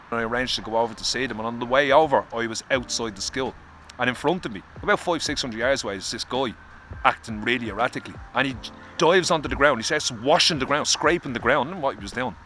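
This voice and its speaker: A man's voice: mid-range voice, quick pace, bright, forceful tone. An Irish man talking earnestly and confessionally to camera outdoors in the cold, swearing casually, with faint traffic behind. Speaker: vlogger. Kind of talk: candid personal vlog.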